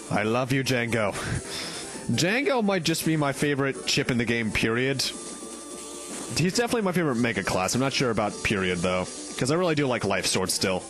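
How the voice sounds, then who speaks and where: A man's voice: lowish voice, a bit bright. A man hosting a let's play, giving casual commentary on a video game. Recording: game music behind the voice. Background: game music.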